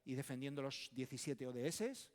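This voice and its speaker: Un hombre español, autor de un libro, hablando en un panel de congreso, de manera enfática y enumerando ideas. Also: male voice, mid-range voice, animated, normal speed, darkish tone. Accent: Spanish from Spain. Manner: emphatic, lists ideas, frequent tag questions. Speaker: book author and speaker. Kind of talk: conversational panel talk. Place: conference hall. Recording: long hall reverb.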